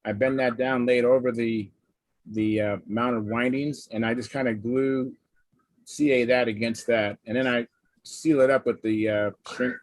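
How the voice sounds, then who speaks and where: A man hosting a casual live hangout, chatting in a halting, conversational way and reading out comments. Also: mid-range voice, fairly even intonation, no room sound. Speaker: host of a hobby livestream hangout. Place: live online video hangout.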